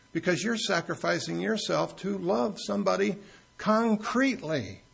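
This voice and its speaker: A man's voice: fairly high pitch, vocal fry, fairly bright tone, breathy edge. A man preaching a teaching sermon in a church, conversational and joking with the congregation as he tells stories. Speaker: pastor. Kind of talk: expository sermon with anecdotes.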